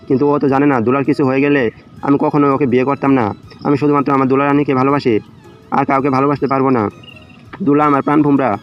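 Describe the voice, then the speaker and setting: Vengeful, passionate young lover played by a male narrator for romantic audio drama, even pitch, music underneath. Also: lo-fi sound, natural voice. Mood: passionate, devoted. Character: furious, possessive young man in love. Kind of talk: romantic audio story acting.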